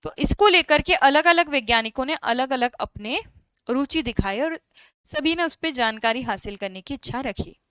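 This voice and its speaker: High bright woman teaching an online class. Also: lively intonation, clear, resonant tone, no echo. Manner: mixes Hindi explanation with slow English read-aloud questions; answers student chat questions by name.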